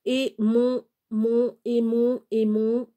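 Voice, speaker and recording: A woman's voice: fairly high pitch, level tone, very slow, mellow. A woman from Touraine with a Touraine accent, chatting to camera on her own channel in a rambling way, with many fillers and restarts. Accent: Touraine French. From Touraine, France. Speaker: YouTuber. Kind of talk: casual chat to camera.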